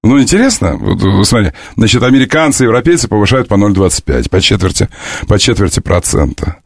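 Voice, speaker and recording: A man hosting a morning radio talk show, talking in an animated, opinionated way and repeating words in quick runs. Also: on the low side, creaky, dry recording, clean studio sound. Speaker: radio host. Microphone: studio microphone.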